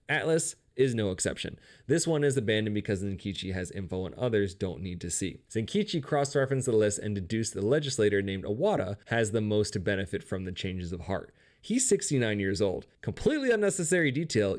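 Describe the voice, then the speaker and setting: Brief: male narrator for a game story recap, lowish voice, sarcastic and crude wisecracks. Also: a little mellow.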